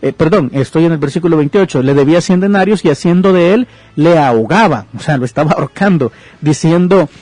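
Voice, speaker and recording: A man's voice: fairly high pitch, expressive, fairly quick, a little mellow, dry recording. A man giving pastoral counsel on a podcast, teaching conversationally about forgiveness and retelling and reading a parable aloud with explanatory asides. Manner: reads verses aloud.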